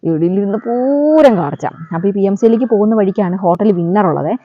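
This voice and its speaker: A woman's voice: mid-range voice, animated, fairly quick, dry recording. A woman, telling a story in a chatty vlog way and adding a friendly "you know" to her sentences. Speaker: vlogger. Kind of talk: casual storytelling. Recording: dull lo-fi dry recording.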